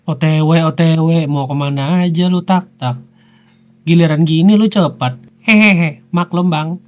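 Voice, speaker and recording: Cast: a man as a loud guildmate who mocks his friend. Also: sits high, fairly even intonation, measured pace. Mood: mocking. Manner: loud, mocking banter.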